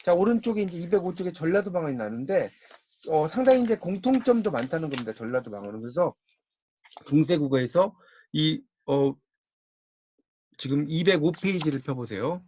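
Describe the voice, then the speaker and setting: A man's voice: on the high side, expressive, fairly quick, mellow, muffled recording, slight background noise. A man with a Gyeongsang accent giving a university-style lecture on Korean linguistics, explaining patiently and repeating key words.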